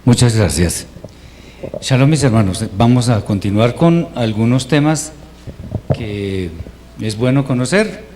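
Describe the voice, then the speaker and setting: A man teaches Hebrew reading rules in an unhurried, patient way, stopping to restart his sentences. His voice sits in a middle pitch range. A faint background hiss runs under the recording. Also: expressive, a little mellow. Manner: patient, explains step by step with pauses and restarts. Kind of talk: informal language lesson.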